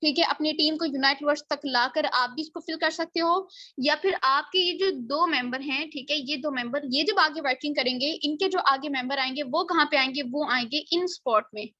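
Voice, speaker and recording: A woman whose voice sits high, with a sharp tone, explains a marketing plan at a moderate pace in a casual lesson. She keeps asking rhetorical questions and checking "okay?". The recording is dry with no echo, sounding dull and slightly lo-fi.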